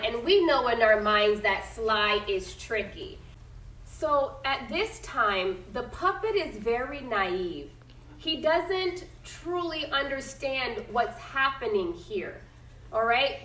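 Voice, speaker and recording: High-pitched, bright, and forceful, a woman teacher's voice carries a little hiss or hum as she reads a picture book to her class. She stops often with questions and "okay?" checks in this read-aloud lesson, captured distantly in an echoey classroom.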